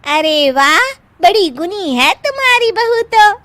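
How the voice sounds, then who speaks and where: A woman's voice: very high-pitched, sing-song, slow, pushed and bright, dry recording, voice pushed up, exaggerated voice. A woman voicing chatty middle-aged women friends in a cartoon, gushing and nosy.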